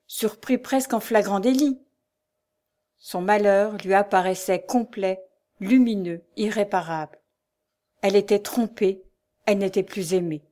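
A woman narrating an audiobook of a classic novel in a measured, clear, expressive way. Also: mid-range voice.

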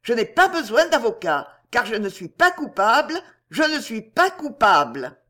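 A reader voicing a desperate young woman accused of a crime, pleading in a raised, lively voice. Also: medium pitch, moderate pace, pitched above the performer's own voice.

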